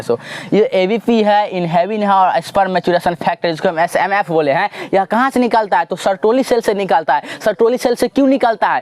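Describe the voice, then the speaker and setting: A man teaching biology in a classroom lecture style, repeatedly asking questions and answering them himself, pushing students to answer loudly. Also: sits high. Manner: drills with repeated call-and-response questions.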